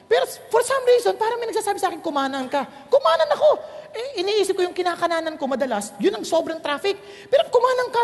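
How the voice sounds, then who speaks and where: A middle-aged male preacher tells everyday stories in a sermon, laughing as he goes. His voice leaps up and down with animation. The sound rings with the long reverb of a large hall. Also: extremely high pitch. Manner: lively, laughing storyteller. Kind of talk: sermon in mixed Tagalog and English.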